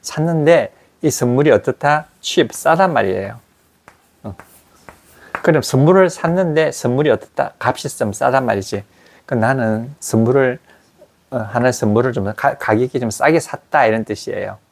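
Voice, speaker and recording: A male English grammar teacher, giving a slow classroom lesson and drilling pronunciation through repetition. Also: medium pitch, vocal fry.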